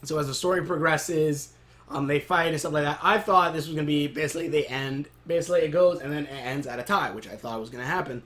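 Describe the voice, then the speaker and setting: Rambling, excitable young-sounding man reviewer. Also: fairly high pitch, fast. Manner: rambling, excitable recap with frequent laughs. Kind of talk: casual episode review to camera.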